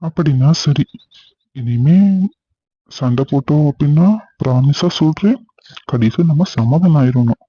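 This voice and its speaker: A man's voice: mid-range voice, measured pace, long pauses, dark tone, slightly rough, no room sound. A young man acting a husband who argues, then coaxes his wife on a phone call. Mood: coaxing. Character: defensive young husband, later apologetic. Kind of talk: acted phone-call drama. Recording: slightly dull lo-fi sound.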